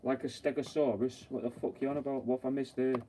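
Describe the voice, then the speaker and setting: A man's voice: mid-range voice, steady tone, quick pace, dark tone. Sweary young guy, far off. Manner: blunt, sweary, rambling storytelling. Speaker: taxidermist. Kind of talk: casual chat while working. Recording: distant mic with faint background noise.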